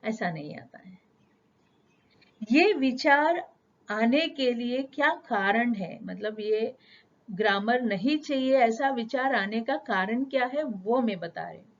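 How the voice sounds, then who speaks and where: A middle-aged woman teaching spoken English, explaining patiently with everyday examples and slowing down on English sentences. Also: a little high, expressive. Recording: dull lo-fi sound.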